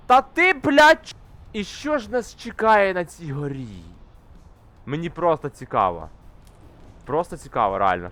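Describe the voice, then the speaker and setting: A young gamer with a fairly high voice gives casual let's-play commentary on a climbing game. He swears constantly and shouts in frustration when his climbs go wrong, with faint game music playing behind him.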